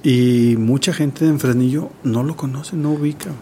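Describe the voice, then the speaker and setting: A man co-hosting a chat show, speaking right to the audience. His voice is dark and mellow, with a low rumble faintly heard behind him. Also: steady tone, moderate pace. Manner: addresses listeners directly. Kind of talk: casual radio chat.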